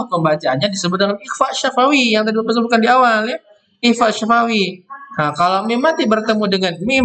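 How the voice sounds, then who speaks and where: High-voiced male teacher. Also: a bit bright. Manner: explains step by step, often ending with "ya"; chants the verse words slowly before explaining. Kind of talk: Quran recitation rules lesson.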